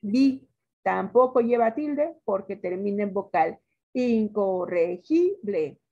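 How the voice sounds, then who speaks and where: A female teacher with a Mexican accent quizzes her class, speaking slowly with drawn-out words in a medium-pitched, creaky yet mellow voice. Her intonation is lively, and the sound is lo-fi.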